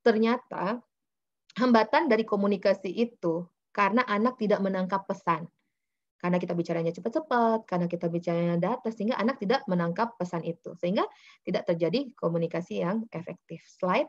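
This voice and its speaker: A woman's voice: medium pitch, fairly quick, dull audio. A woman presenting slides in a webinar, explaining things patiently with many fillers and acting out little examples. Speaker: webinar speaker on child communication.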